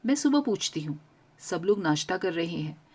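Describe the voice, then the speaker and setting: A woman narrating a story in first person as a young girl, with an expressive reading. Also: lowish voice, normal speed, slightly rough.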